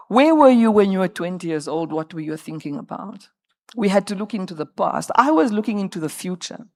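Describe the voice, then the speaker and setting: A woman's voice: mid-range voice, gravelly, a little mellow. A woman in her fifties speaking on a conference panel, emphatic and rallying, sometimes repeating words as she searches for the next one. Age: 50s. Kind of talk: panel discussion remarks. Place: conference stage.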